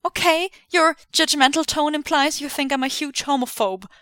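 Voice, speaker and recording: A woman reading aloud and voicing a flamboyant, cheeky young man who talks high, loud and excitable. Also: normal speed, dry recording. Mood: defensive, excited.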